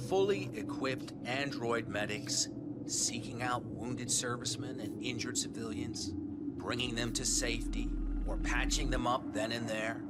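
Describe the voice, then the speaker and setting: A man playing a smug, slick arms company executive in a video game, delivering a showy, emphatic sales pitch. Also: natural voice. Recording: loud music behind. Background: loud game music.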